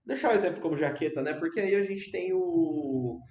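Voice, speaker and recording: A man giving a casual English lesson to Portuguese speakers, chatty and checking in with his listeners, slowing down to repeat example phrases. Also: fairly high pitch, darkish tone, dull audio, a little hiss or hum. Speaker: English teacher. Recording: roomy, echoey room sound.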